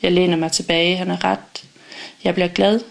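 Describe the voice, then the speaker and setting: Low, gravelly woman narrating an audiobook. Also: little pitch movement. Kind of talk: first-person audiobook narration.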